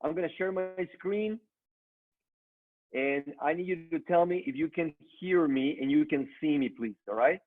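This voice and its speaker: Over thin, phone-like online call audio, a middle-aged online training speaker with a Mexican accent addresses his audience directly in an upbeat business pep talk. His voice is a little high and his pace normal.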